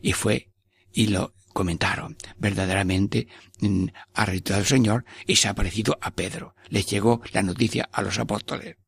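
Spanish priest, low gravelly voice, prayerful sermon, talks straight to Jesus and plays out small exchanges. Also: male voice, steady tone, normal speed. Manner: speaks to Jesus directly in prayer, acts out little dialogues.

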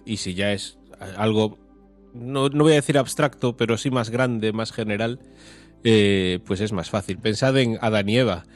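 A man delivers informal radio commentary. His voice sits at a middle pitch and he talks in a joking, halting way, rephrasing as he goes. Music plays faintly behind. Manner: jocular, halting, self-correcting. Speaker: regular radio contributor.

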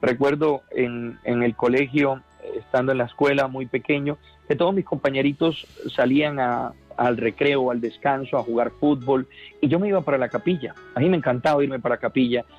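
A Colombian man, a priest, tells his story over the radio in an earnest, fervent way, often stumbling and restarting. His voice sits at an ordinary middle pitch. The sound is dull and lo-fi, with soft music underneath. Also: a little fast. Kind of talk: radio interview testimony.

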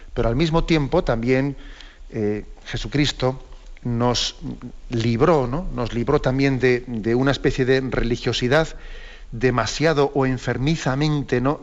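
Unhurried man teaching, lo-fi sound. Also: mid-range voice. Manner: unhurried, with many "¿no?" asides. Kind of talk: catechetical talk on a program.

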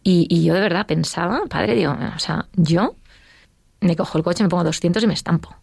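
A woman's voice: on the low side, a little fast, gravelly, a little mellow, husky, no room sound, clean studio sound. A middle-aged woman telling her personal story in an interview, acting out the voices she quotes. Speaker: interview guest.

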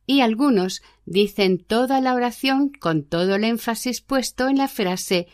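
A gentle, learned old monk explains prayer in a calm, measured voice , as a woman reads him aloud from a spiritual book. The pace stays slow and deliberate. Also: a little high, lightly acted. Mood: teaching. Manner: measured, unhurried reading.

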